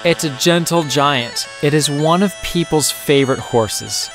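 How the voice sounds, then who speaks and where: A man hosts a science podcast for children with a somewhat high voice. He talks slowly and walks through each fact step by step in a playful tone. Soft music sits faintly underneath. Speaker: host of a kids' science podcast. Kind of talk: educational podcast narration for children.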